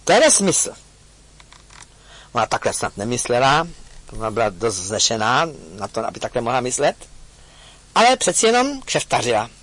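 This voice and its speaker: Husky man telling a story with lively pitch. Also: pauses often, poor audio. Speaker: speaker addressing an audience. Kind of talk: confessional storytelling talk.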